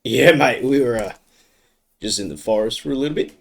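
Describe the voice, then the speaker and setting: A man's voice: medium pitch, brisk, creaky. A man chatting casually and matily as a player in a tabletop game. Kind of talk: casual group chat with in-character banter.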